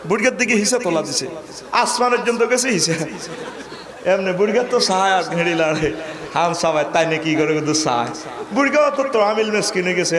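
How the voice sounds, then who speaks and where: A man preaching a sermon with a Comilla Bangla accent, joking and shouting, acting out voices. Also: sits high, reverberant. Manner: humorous, shouting, acts out women's voices. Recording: crowd audible behind.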